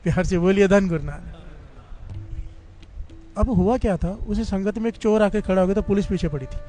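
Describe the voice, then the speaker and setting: With faint music in the background, a man delivers a fervent Sikh katha in a high, dark-toned voice at normal speed. His devotional sermon is built on storytelling and call-and-response, as he keeps calling on the congregation and often leads them in "dhan guru nanak."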